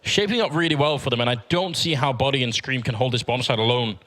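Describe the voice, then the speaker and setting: A man's voice: medium pitch, fast, a bit bright. A man casting esports, giving conversational analysis of the match.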